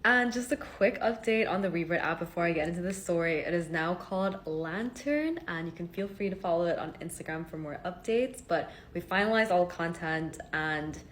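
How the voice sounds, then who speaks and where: At home, a vlogger in her twenties from Hong Kong chats earnestly to camera about a personal story, leaning on lots of fillers. Her low-side voice is animated, at a moderate pace with few pauses, over slight background noise.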